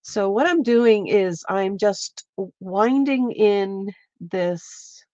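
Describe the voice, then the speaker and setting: A woman with a stuffy, congested voice, slowly walking viewers through a craft step by step and chatting with them as she works. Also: mid-range voice, animated, a little mellow, no echo, highs cut off. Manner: slow, meandering, chats with viewers while working. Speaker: craft livestreamer. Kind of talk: casual craft demonstration. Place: home, at her lap.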